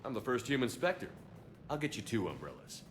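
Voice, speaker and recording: An actor playing a calm male military commander with dry humor. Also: mid-range voice, brisk, faint music behind, lightly acted.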